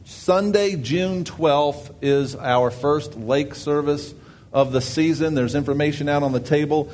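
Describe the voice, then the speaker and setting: A man's voice: on the high side, unhurried, a little mellow. A man, a pastor, giving announcements and a sermon in a conversational way, thinking aloud with fillers and restarts.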